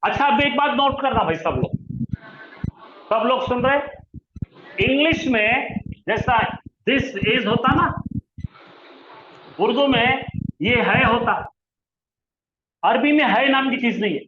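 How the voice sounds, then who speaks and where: A man's voice: extremely high pitch, lively intonation, slow pace, long pauses, noisy background. A male teacher, leading a classroom lesson and coaxing students to repeat words aloud. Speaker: Arabic grammar teacher. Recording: roomy, dull lo-fi sound.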